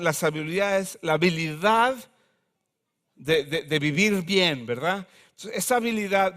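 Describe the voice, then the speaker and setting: A pastor preaching a conversational sermon with humor and slang. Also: male voice, sits high, a bit bright.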